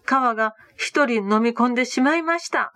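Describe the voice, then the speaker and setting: A woman voicing an anxious young male disciple in a storybook reading, talking eagerly and a little hurried. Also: mid-range voice, big pitch swings, dry recording.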